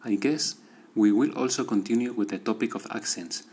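A man, a student, reading out a prepared class diary in a steady, methodical way. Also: lowish voice, normal speed, breathy edge.

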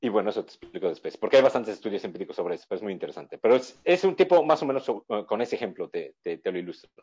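Guy w/ a husky voice explaining kids' feelings, lots of "eh" and restarts, kinda dull lo-fi audio. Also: fairly low pitch, animated, racing, a little mellow. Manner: acts out short quotes of children and parents; hesitant restarts with filler words. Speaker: guest expert on child emotions. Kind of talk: explanatory interview talk.

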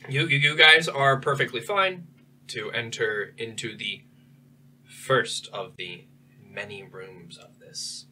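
A man's voice: medium pitch, slow pace, pushed and bright, distant mic, a little hiss or hum, low-quality recording. A man narrating as game master in a livestreamed tabletop game, rambling, with fillers and restarts.

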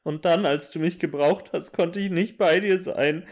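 A man's voice: a little high, moderate pace, voice pushed up, natural voice. A man putting on a tearful pleading young woman. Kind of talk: mock-dramatic reading of a story.

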